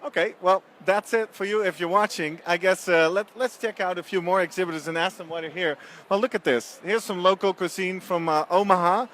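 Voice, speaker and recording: A man's voice: sits high, a little fast, fairly bright tone, a little hiss or hum. A man roving a trade show floor and interviewing exhibitors live, chatty and upbeat with frequent restarts. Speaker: event reporter.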